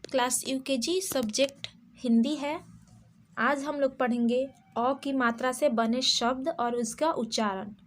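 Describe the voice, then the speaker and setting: A young Indian woman teaching a class of small children, spelling out sounds slowly and repeating each word. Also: sits high, steady tone, a little hiss or hum.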